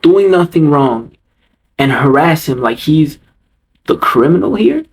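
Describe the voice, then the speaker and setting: A man's voice: a little high, animated, measured pace, low-quality recording. A man doing a fierce, indignant mother. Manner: sharp, indignant.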